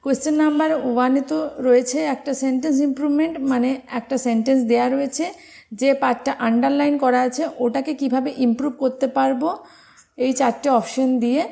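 A woman's voice: high-pitched, steady tone, a little fast, vocal fry, warm tone. A young woman with a Bengali accent, teaching an exam-prep English grammar lesson and explaining each step with questions to her students.

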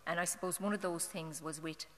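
A middle-aged Irish woman giving a personal testimony as a mother at a parish novena, earnest and halting, with fillers and restarts. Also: on the low side, steady tone. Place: church. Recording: long church hall reverb.

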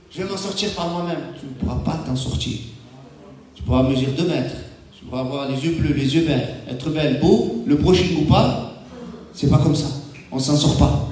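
A man preaching a sermon as pastor, emphatic, swinging between loud calls and hushed asides. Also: fairly high pitch. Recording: very echoey, from far off the mic.

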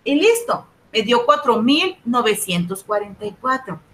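A woman's voice: a little high, very animated, normal speed, a bit bright, a little hiss or hum. A woman teaching an accounting class online, often stopping to check that her students follow and repeating key points. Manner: asks students frequent check-in questions.

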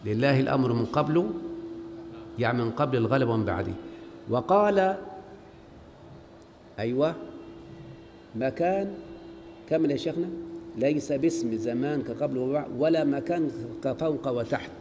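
A man with an Egyptian accent and a mid-range voice lectures on Arabic grammar in a large mosque, speaking at a moderate pace with long pauses. He quizzes his students in call-and-response fashion, and the recording carries long hall reverb and faint background noise.

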